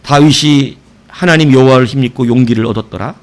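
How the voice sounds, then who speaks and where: A middle-aged male pastor preaching an evening sermon, telling stories with animated shouts and asking his congregation questions. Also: medium pitch, fairly quick.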